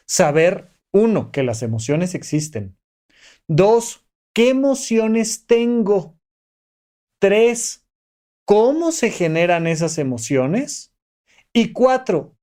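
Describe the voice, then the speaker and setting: A podcast host with a fairly high, mellow voice delivers a motivational monologue. He teaches step by step, enumerating each stage and coaxing the listener along in a didactic, explanatory manner.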